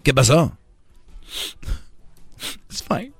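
A man's voice: on the high side, sing-song, extremely slow, husky, no room sound, heavily acted. A man voicing a passive-aggressive, guilt-tripping young girlfriend who pleads in a sing-song voice. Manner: sing-song, mixes English and Spanish, sighing and pleading.

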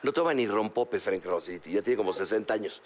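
A middle-aged man with a Mexican Spanish accent hosting a talk show, telling an animated story full of swearing. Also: fairly low pitch, fairly quick. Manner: animated storyteller, swears a lot, acts out voices. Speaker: show host. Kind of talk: casual studio banter, storytelling.

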